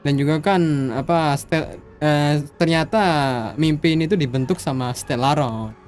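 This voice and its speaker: A man's voice: fairly high pitch, moderate pace, a little mellow, soft background music. A man with an Indonesian accent giving casual commentary as he livestreams a game. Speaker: streamer playing a game.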